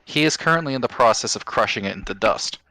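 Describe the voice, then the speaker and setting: A man's voice: medium pitch, lively intonation, fast, sharp tone, low-quality recording. A man narrating a tabletop game as game master, in an informal, sweary way.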